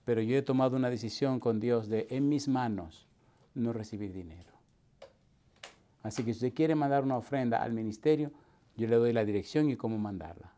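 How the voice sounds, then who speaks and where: Animated male preacher telling stories. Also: mid-range voice, brisk. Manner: animated, repetitive, drops to a hushed voice for quoted dialogue. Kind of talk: humorous storytelling sermon.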